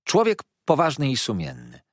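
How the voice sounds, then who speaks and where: A man's voice: mid-range voice, wildly swooping pitch, moderate pace, husky, dry recording, clean studio sound, voice pushed up, full character voice. A man reading an audiobook voices a sarcastic young woman who feigns innocence with arch, needling questions. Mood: mock-innocent. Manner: arch, mock-naive questioning.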